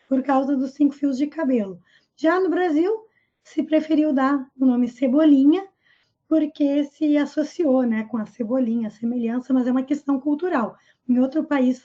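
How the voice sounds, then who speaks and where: A woman teaching English vocabulary and pronunciation, explaining a comic strip slowly and clearly. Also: high-pitched, warm tone, lo-fi sound. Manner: slow, careful pronunciation of English examples.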